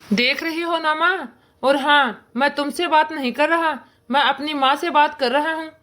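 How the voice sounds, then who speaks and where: A woman's voice: high voice, normal speed, pushed and bright. A woman voicing an angry young husband in a cartoon, indignant and arguing. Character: angry young Indian husband, mother's son. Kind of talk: cartoon voice acting.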